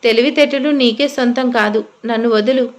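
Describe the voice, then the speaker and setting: Woman voicing a sharp-tongued young wife. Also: fairly high pitch, steady tone, normal speed, close to an everyday voice. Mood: annoyed. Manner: scolding, sarcastic.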